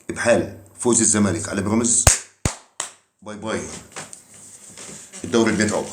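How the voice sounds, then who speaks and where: Fast-talking Egyptian man, mocking rant. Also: fairly low pitch. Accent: Egyptian Arabic. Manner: teasing, mocking, repetitive, emphatic. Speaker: football commentary vlogger. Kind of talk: heated casual football rant. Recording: echoey room.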